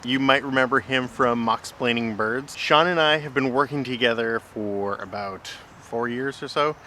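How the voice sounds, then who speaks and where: Out in a clearly noisy urban setting, a man hosts an informal chat interview with his writing partner for his vlog, asking questions and explaining casually. His medium-pitched voice sounds pushed and bright, at a normal speed.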